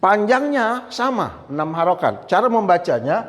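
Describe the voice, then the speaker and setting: A man with a high voice teaches Quran recitation rules, moving through each point step by step and often checking in with a quick "ya". Now and then he slowly chants a recitation example before going on with the explanation. His voice carries a long reverb tail, as if spoken in a large echoing room. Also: sing-song.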